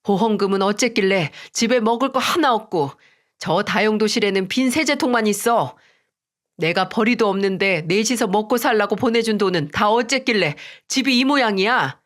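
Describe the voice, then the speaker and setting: A woman's voice: mid-range voice, a bit bright, close to an everyday voice. A woman voicing a stern older mother-in-law. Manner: stern, reproachful scolding. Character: angry older mother-in-law scolding her daughter-in-law. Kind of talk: Korean radio story drama.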